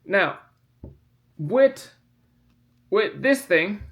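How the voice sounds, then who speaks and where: Speaking very slowly in a high-pitched voice with lively intonation, a man demonstrates a printer part he's holding. He's a hobbyist explaining printer repair in a casual, hands-on way, rambling and repeating himself while stressing what matters, and he yawns from medication.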